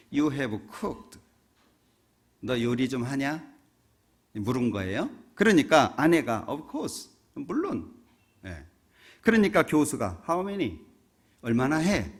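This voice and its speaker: A man preaching a sermon in a church. He tells a funny story and keeps asking the congregation rhetorical questions. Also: mid-range voice. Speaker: pastor. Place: church sanctuary.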